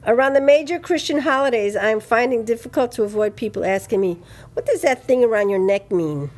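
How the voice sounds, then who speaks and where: A woman co-hosting a casual podcast, talking in a lively, blunt way with profanity and laughing easily. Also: fairly high pitch, fairly quick. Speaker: podcast co-host.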